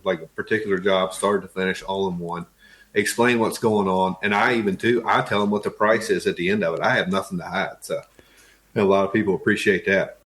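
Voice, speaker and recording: A man's voice: low-pitched, a bit bright. A man with an Appalachian accent chatting casually as an interview guest, in a folksy, plainspoken way. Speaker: interview guest, wood flooring tradesman.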